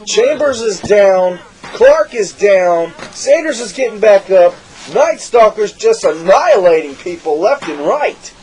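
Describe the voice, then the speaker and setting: A man calling a wrestling match play-by-play, excitable and shouting at big moves, losing his voice. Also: high voice, a little slow, poor audio. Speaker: wrestling commentator.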